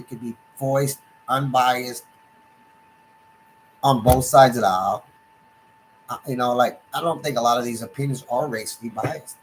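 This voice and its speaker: A middle-aged sports host from Texas streams live, rambling in a halting way with frequent restarts and fillers like "you know" and "man," his pitch mid-range. Faint hiss underlies the rough recording from his desktop computer setup.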